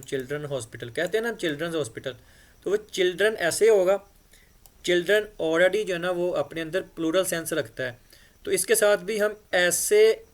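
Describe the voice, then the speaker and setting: Patient male grammar teacher at a board. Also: high-pitched. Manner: patient, repeats "ठीक है" often. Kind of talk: explanatory board lesson.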